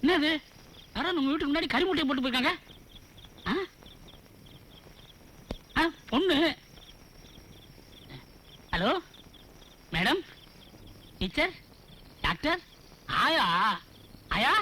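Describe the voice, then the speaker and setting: A man's voice: very high voice, expressive, slow, long pauses, bright, forceful tone, slight background noise, full character voice. An actor playing a comic, smitten middle-aged widowed father who keeps blurting startled exclamations. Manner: exclamatory, with frequent startled "aa" interjections. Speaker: widowed father, film character. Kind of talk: Tamil film comedy acting.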